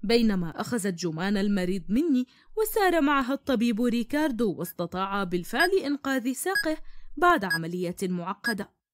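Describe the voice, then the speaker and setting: A woman narrating a cartoon story in the first person, with a brisk, dramatic manner. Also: medium pitch, big pitch swings, no echo.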